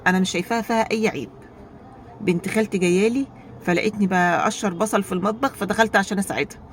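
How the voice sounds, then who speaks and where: An Egyptian woman vlogger telling a story in a casual monologue, animated and rhetorical, often turning to her viewers with questions. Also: medium pitch, slight background noise. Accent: Egyptian Arabic.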